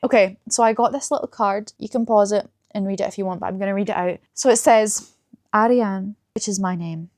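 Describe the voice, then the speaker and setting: A woman's voice: mid-range voice, brisk, a little mellow, no echo. Young woman, gushing, enthusiastic, casual review vlog, dorm room, dry close sound. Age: young adult. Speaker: fitness content creator.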